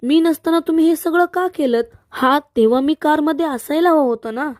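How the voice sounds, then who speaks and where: A woman's voice: sits high, moderate pace, a little mellow, no room sound, clean studio sound, voice pushed up, lightly acted. Woman voicing a frightened scheming young woman. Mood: defensive. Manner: frightened, pleading. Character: anxious scheming young woman posing as daughter.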